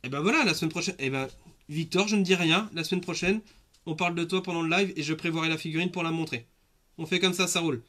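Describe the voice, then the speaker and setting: A man in his thirties with a notably high voice hosts a casual live stream. He talks to his viewers in a relaxed, rambling way, with lots of fillers and false starts. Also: fast talker. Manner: chatty, rambling with many fillers and restarts.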